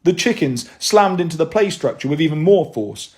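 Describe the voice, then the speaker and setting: A man's voice: fairly high pitch, lively intonation, moderate pace, darkish tone. A man reading a first-person novel aloud, with a wry, dry delivery. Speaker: audiobook narrator.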